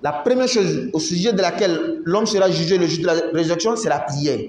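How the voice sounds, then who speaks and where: A man giving a religious lesson to a class, explaining slowly, asking them questions and reciting Arabic phrases. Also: darkish tone. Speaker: religious teacher. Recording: echoey room, faint rumble.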